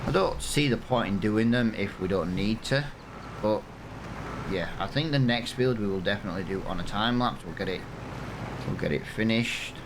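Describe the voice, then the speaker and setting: This English man in his thirties hosts a gaming channel and rambles through self-mocking let's-play commentary on a farming game. He speaks at a moderate pace in a lowish voice, and there's noise in the background.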